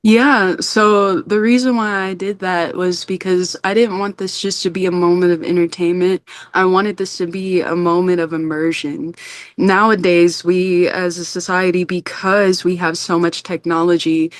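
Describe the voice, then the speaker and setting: A woman filmmaker being interviewed, talking in an earnest, expressive way about her work. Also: on the low side, unhurried, no echo, clean studio sound. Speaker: filmmaker guest. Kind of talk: interview conversation.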